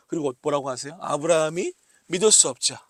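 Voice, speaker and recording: A man's voice: on the high side, brisk, no echo. A male pastor preaching a sermon, asking the congregation questions and acting out prayers. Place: church sanctuary.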